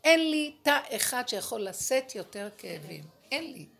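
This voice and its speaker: A woman's voice: fairly high pitch, sing-song, gravelly, a bit bright. A woman sharing spiritual experiences with a small group, impassioned and exasperated, often repeating her words. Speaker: group sharer.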